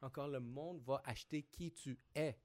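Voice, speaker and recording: A man hosting a podcast, telling stories in a relaxed way with English slang mixed in. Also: mid-range voice, moderate pace. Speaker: podcast host. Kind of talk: casual podcast chat.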